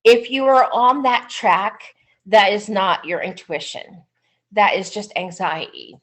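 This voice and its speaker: A woman who is a psychic medium giving a webinar talk over a video call, chatty with lots of "um"s. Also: mid-range voice. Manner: unhurried, chatty, frequent "um"s, warm enthusiasm. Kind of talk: webinar presentation. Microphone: computer mic on a video call.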